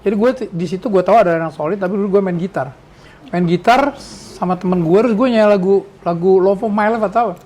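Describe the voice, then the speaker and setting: A man's voice: high-pitched, quick pace, darkish tone. A man in his sixties from Indonesia, hosting a podcast and reminiscing in casual chat, rambling with many restarts. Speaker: podcast host.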